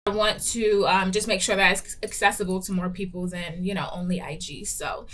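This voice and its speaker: A woman's voice: on the low side, fairly even intonation, fairly quick, a bit bright. A young adult woman hosting a casual book review vlog, talking candidly with lots of ums and the odd playful swear word. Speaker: book reviewer and show host.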